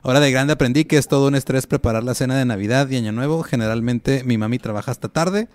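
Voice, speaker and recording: A man's voice: mid-range voice, quick pace, darkish tone, dry recording, clean studio sound. A Mexican man co-hosting a casual podcast, joking with friends and reading viewer comments aloud. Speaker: podcast co-host.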